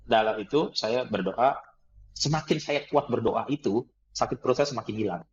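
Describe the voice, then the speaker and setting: Animated man telling a story, lo-fi. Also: mid-range voice, moderate pace. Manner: animated, laughs often, acts out dialogue. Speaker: guest trainer. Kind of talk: conversational storytelling.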